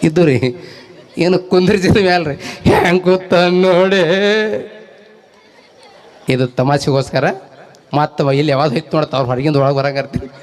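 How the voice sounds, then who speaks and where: A man with a North Karnataka Kannada accent doing folk stand-up comedy, telling lively rhyming anecdotes to his audience. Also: on the high side, normal speed, pauses often. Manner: lively storytelling, rhyming wordplay, jumps into quoted voices; talks straight to a laughing audience. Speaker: stage comedian.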